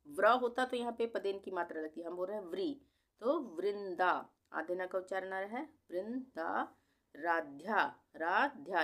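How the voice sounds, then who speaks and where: Speaking with a fairly low pitch, a woman patiently teaches Hindi spelling in a video channel lesson. She says every name slowly, breaking it into syllables, and slips in the occasional English word.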